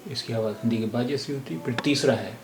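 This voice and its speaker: A man teaching a language lesson. He speaks slowly and says each word several times. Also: mid-range voice. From India. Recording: roomy echo, faint background noise.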